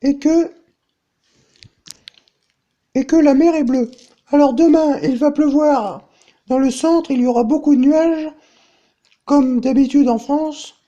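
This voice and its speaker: A woman's voice: sits high, slow pace, long pauses, dark tone, dull audio. A woman playing an offhand, matter-of-fact TV weather presenter in a parody bulletin.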